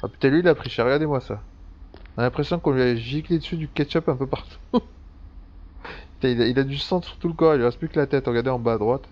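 A man's voice: mid-range voice, quick pace, a little mellow. Male let's-play commentator, casual, swears freely, muffled home recording. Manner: chatty, swears a lot, thinks aloud. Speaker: gameplay commentator. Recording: dull lo-fi sound with faint background ambience.

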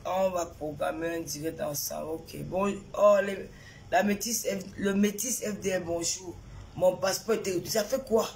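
A woman's voice: on the low side, steady tone, normal speed, darkish tone, a little hiss or hum. A woman from Cameroon, talking on a phone live stream to her followers, greeting viewers by name and firing off indignant rhetorical questions. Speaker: social media personality.

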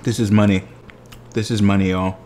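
A man's voice: lowish voice, little pitch movement, normal speed, darkish tone, a little hiss or hum. A man in his thirties talking chattily as he tastes desserts at home, savoring each bite with exuberant delight. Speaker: food vlogger. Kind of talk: dessert tasting vlog. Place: living room at home.

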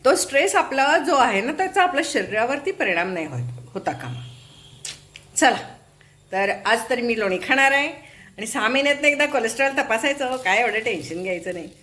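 A woman's voice: fairly high pitch, sing-song, brisk, a bit bright. A middle-aged woman hosting a home cooking channel, talking casually and playfully in her kitchen, teasing her viewers and laughing lightly. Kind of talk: casual chatty vlog.

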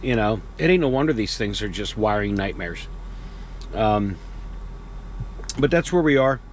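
Low-voiced and animated, a trucker in his fifties speaks at a measured pace in a casual vlog monologue, with a little hiss or hum in the audio. He rambles with lots of fillers, recording in his cab at night after earlier being out at a loading yard.

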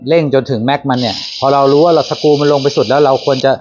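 A man hosting a handyman channel, talking casually through a tool demo, relaxed and chatty with fillers and self-corrections. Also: mid-range voice, rapid-fire. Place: workshop or garden. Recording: dull lo-fi sound.

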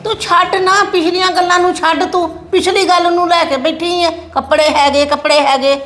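A woman's voice: extremely high pitch, steady tone, fairly quick, a bit bright. An actress playing a stern older grandmother who scolds her daughter-in-law in a family drama, speaking firmly and commandingly. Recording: echoey room.

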